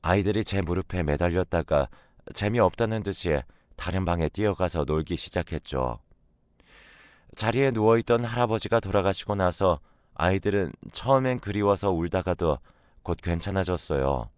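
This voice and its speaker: A man calmly narrating a scripted radio drama in a measured storytelling manner. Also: deep voice, no echo, studio quality.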